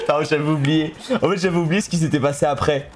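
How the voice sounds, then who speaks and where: A young man from France chatting casually on a live stream while playing a game, telling stories and laughing often. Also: a little high.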